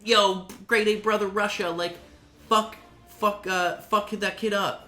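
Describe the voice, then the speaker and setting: A man's voice: sits high, flat delivery, a little slow, sharp tone, faint music behind, voice pushed up. A man voicing a bratty young playground kid who whines and swears as he eggs on a bigger boy.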